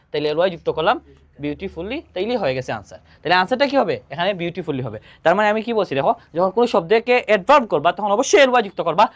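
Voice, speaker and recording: An exam-prep grammar teacher, who asks students questions and answers them straight away. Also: medium pitch. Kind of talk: exam-prep lesson explaining grammar rules.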